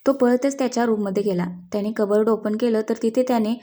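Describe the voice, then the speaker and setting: A woman narrating a story with a mellow, slightly high voice. She reads slowly and evenly, in a calm, steady manner. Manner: slow, calm, even reading.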